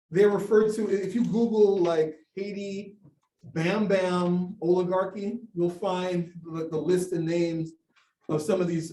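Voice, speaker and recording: Giving an academic talk as a guest speaker, a man with a dark but high-sitting voice responds to audience questions, restarting repeatedly and leaning on fillers. He's captured from far away in a reverberant lecture room, with slight hiss or hum in the background.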